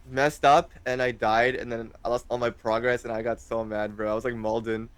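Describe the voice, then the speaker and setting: A man's voice: mid-range voice, little pitch movement, fairly quick, clear, resonant tone, no room sound. A young man in his twenties, chatting casually as an interview guest, hesitant and full of fillers. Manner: hesitant, rambling with many fillers.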